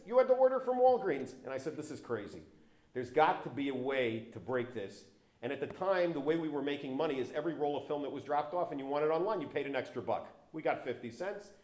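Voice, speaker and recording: A low-voiced man, a guest speaker at an event, tells business stories to an audience in a hall. He is animated, jumping sharply in pitch and loudness on key words. Using a handheld or stand mic, he sometimes steps away from it, and the recording has roomy hall echo.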